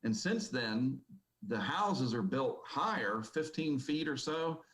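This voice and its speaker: A man gives a talk at a conference, rambling through his story in a loose, casual way. His voice sits at a middling pitch, and his sentences are full of ums and uhs. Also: expressive, slow, fairly bright tone, rough recording. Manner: casual, rambling, with many fillers. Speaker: conference speaker. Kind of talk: presentation talk. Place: conference hall.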